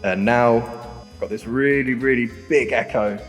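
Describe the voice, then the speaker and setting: A man presenting a software tutorial, his voice run through a voice changer's cave effect so it booms with a huge echo. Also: unhurried, soft background music. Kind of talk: casual screen-recorded tutorial.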